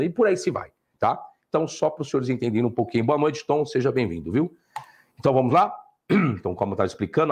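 A man with a Brazilian Portuguese accent lecturing and chatting with viewers as host of a live stream, often ending points with a quick "tá?". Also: mid-range voice. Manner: lively, lecturing, frequent "tá?" tags. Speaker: teacher hosting a live stream.

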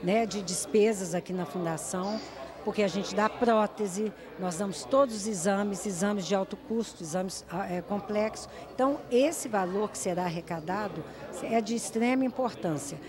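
A Brazilian woman in her sixties explains things in a press interview as head of a charity. Her pitch is average, and crowd chatter is clear behind her. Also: normal speed. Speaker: charity president. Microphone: handheld press microphones.

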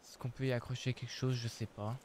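A man's voice: mid-range voice, little pitch movement, fast, a little mellow, a little hiss or hum. A man casually commenting on his survival game as he plays, thinking aloud with many hesitations. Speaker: streamer playing a survival game.

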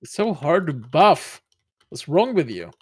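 A man leading a game raid over voice chat, giving brisk orders. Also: fairly high pitch, big pitch swings, breathy edge, dry recording. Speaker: raid leader. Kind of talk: gaming voice chat.

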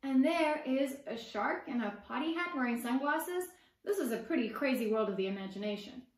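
A South African woman in her forties, a children's book author, reads a picture book aloud with lots of expression, stopping to ask her young listeners questions. Her voice is high-pitched and her pace moderate. She is far from the mic in an indoor room with bookshelves and plants, and the sound has a roomy echo.

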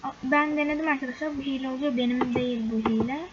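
A woman's voice: high-pitched, fairly even intonation, quick pace. A young woman chatting casually to her viewers over a game screen recording, often exasperated. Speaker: gaming YouTuber. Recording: dull lo-fi recording with loud background noise.

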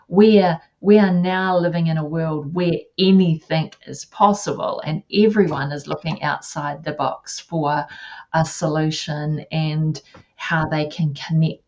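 A woman's voice: sits low, a little mellow. Chatty New woman on dull call audio. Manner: chatty, affirming, many "yeah"s. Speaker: interview host. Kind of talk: casual interview chat.

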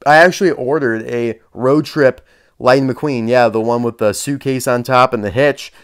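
A man's voice: medium pitch, normal speed, smooth. A man chatting casually as he unboxes and reviews collectible toy cars, candid and dryly sarcastic.

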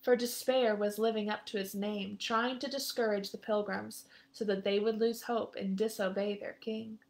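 A woman's voice: mid-range voice, steady tone, moderate pace. Woman reading a children's story aloud. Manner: chatty asides to young listeners.

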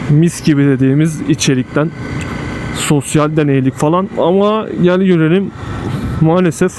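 A man's voice: fairly high pitch, steady tone, moderate pace. A young man chatting casually in slang from inside a motorcycle helmet as he rides, with road and engine noise behind him. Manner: slangy, informal banter. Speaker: motovlogger. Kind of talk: casual chat while riding a motorbike. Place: on a motorbike in city traffic.

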